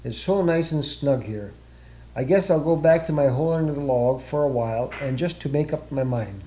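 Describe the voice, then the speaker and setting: A man puts on a dithering young rat from a storybook, a calm and noncommittal voice pitched a little higher. It sounds mellow and soft at the edges. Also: moderate pace, echoey room, lightly acted. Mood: indecisive.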